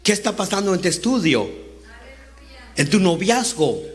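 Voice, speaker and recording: High-voiced man preaching. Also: very animated, normal speed. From Honduras. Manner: conversational, asks the congregation questions, laughs while talking. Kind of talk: sermon. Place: church service.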